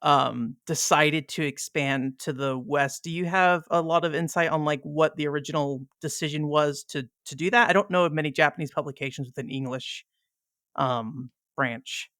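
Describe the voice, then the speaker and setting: A podcast host asks curious, loosely phrased questions in a casual interview. The voice is smooth and resonant. The recording is close and dry. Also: mid-range voice, normal speed, a bit bright, no room sound.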